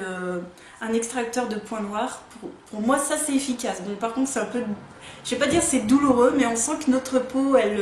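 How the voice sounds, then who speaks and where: A beauty vlogger in her 30s, just turning thirty, reviews skincare products in a frank, chatty way full of fillers and restarts. Her voice is fairly high-pitched with a darkish tone, captured on a camera mic in an echoey room with faint ambient noise.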